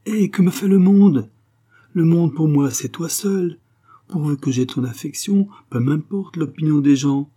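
A man's voice: fairly low pitch, normal speed, mellow, slightly rough. A man reading an audiobook, voicing a passionate young woman in love with pleading, impassioned speech.

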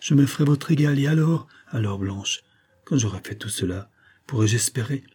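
A man's voice: on the low side, moderate pace, mellow, breathy edge. A man voicing a shy, lovesick young schoolmaster in an audiobook, pouring out his feelings. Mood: passionate. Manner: passionate, trembling.

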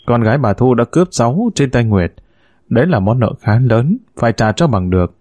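Man narrating a story in a steady voice. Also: mid-range voice, no room sound, clean studio sound.

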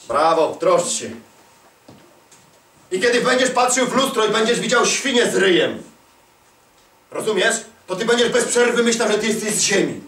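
High-voiced man preaching in an echoey hall. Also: a bit bright, far from the mic. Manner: emphatic, repeats lines and calls for answers. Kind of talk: charismatic sermon. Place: large hall at a church conference. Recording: echoey hall, voice away from mic.

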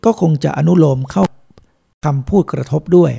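A man, a monk, reading a book aloud in a calm, measured way. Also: on the high side, creaky, husky. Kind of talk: audiobook reading.

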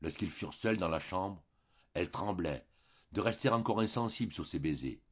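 Low husky male audiobook reader. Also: expressive, normal speed, highs cut off. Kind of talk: audiobook narration.

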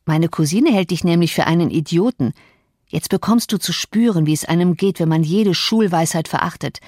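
A woman's voice: fairly low pitch, normal speed, darkish tone, no echo, clean studio sound, lightly acted. A woman voicing a sickly, sneering teenage boy in an audiobook, with a mocking, prissy manner.

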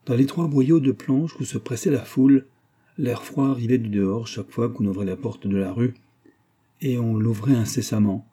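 Husky dark-voiced male narrator. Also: mid-range voice, normal speed. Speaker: audiobook narrator. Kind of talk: scripted narration of a classic novel.

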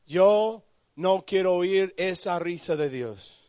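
High voiced guy preaching slow, quiet warnings then yelling pleas, dry sound. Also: lively intonation, no room sound. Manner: swings from low, quiet warnings to high shouted pleading; addresses listeners by name with questions. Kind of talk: sermon. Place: conference hall.

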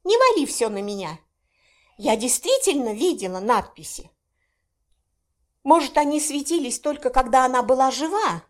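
A woman's voice: high-pitched, voice pushed up. A woman voicing an indignant young witch. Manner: indignant, excitable, quick to cry out. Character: young indignant witch heroine, sharp-tongued.

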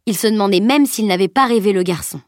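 A woman narrating a novel as an audiobook, in an even, steady reading. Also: medium pitch, fast, dry recording, clean studio sound. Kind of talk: scripted narration.

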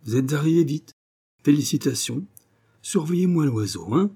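A man doing a suave gentleman burglar, cocky and commanding, with a raised, louder voice over a mellow, husky tone. He barks short orders with a mocking edge in an audiobook reading. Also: fairly high pitch, lively intonation, normal speed, voice pushed up. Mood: cocky, bossy. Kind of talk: audiobook character voice.

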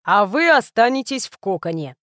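A woman doing a calm, cold royal bodyguard. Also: fairly high pitch, normal speed, dry recording, studio quality, natural voice. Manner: calm, indifferent.

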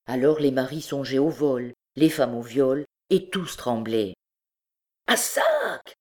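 A woman reading a classic novel aloud, in steady, measured narration. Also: very deep voice. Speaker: audiobook reader.

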